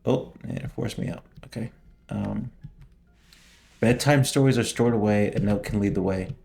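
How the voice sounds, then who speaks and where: A young man giving casual, slangy gameplay commentary, joking and reacting out loud as he plays. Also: fairly low pitch, normal speed, gravelly. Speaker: gaming streamer.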